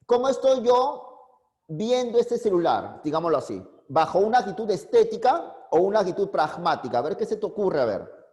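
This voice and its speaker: Man, philosophy teacher, high voice, mellow tone, keeps asking questions. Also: sing-song, moderate pace. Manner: questions students constantly, coaxing answers. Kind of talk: online class lecture. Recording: long reverb, echoey room.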